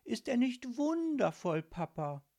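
A man's voice: extremely high pitch, big pitch swings, slow, vocal fry, warm tone, pitched above the performer's own voice, full character voice. A man voicing a polite, sweet twelve-year-old girl in a storybook reading. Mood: delighted. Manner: polite, chirpy.

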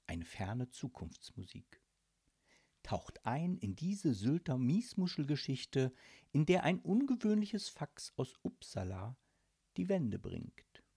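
Male narrator for a children's audiobook, husky tone, lively expressive read. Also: medium pitch, takes it slowly. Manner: warm storytelling, varied and expressive.

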